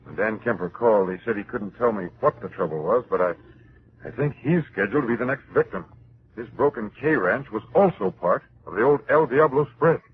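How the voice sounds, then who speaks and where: An American actor playing a brave, level-headed hero in a 1950s radio serial, firm and decisive with old-fashioned bravado. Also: male voice, lowish voice, lively intonation, brisk, close to an everyday voice. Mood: firm, resolute. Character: steady, brave rancher-pilot hero, adult man, level-headed leader. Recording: muffled, noisy old-time radio recording.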